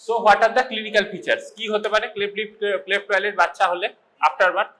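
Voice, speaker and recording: A man's voice: sits high, fairly even intonation, slow pace, bright, forceful tone, poor audio. A man with a Bengali accent giving a medical college lecture, switching between English and Bengali and quizzing his students informally. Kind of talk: classroom lecture.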